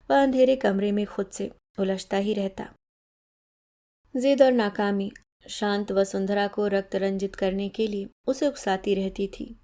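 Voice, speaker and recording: A woman storyteller reading a literary short story in a measured, dramatic way. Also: medium pitch, warm tone. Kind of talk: scripted literary narration.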